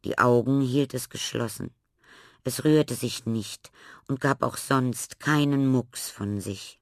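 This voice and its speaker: A man narrating a children's book with expressive, animated storytelling. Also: medium pitch, slow pace, vocal fry, dry recording, studio quality. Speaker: audiobook narrator.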